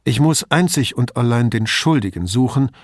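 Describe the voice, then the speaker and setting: A man voicing a tactful middle-aged male police commissioner in an audiobook, speaking in a polite, measured way. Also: medium pitch, animated, no echo, clean studio sound, lightly acted.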